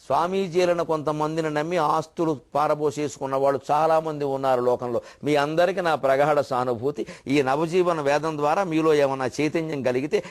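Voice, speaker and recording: An older man delivers a spiritual discourse in a somewhat high voice. He scolds with indignation and piles up rhetorical questions. Now and then he slows to chant a verse. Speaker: spiritual orator. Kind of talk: Telugu religious discourse.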